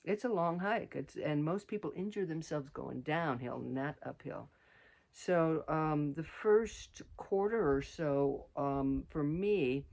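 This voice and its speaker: A woman's voice: sits low, darkish tone. Middle-aged woman host, casual trail vlog outdoors, rambling delivery with fillers. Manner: rambling, many fillers and restarts. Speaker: vlogger.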